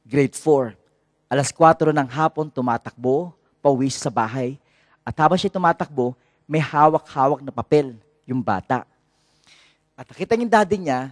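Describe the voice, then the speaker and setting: A Filipino priest delivers a sermon with a high, swinging voice that jumps all over its range. He shifts between Tagalog and English and keeps drawing in the congregation. The sound is close and dry. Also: no room sound. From Philippines. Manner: lively, mixes Tagalog and English, calls out to the congregation.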